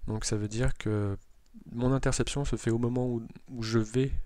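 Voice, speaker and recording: A man's voice: mid-range voice, fairly even intonation, normal speed, warm tone, dry recording. A man, a Java developer, explaining code aloud in a tutorial, hesitating and restarting often, with self-mocking asides. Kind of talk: live coding tutorial. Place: at a computer, indoors.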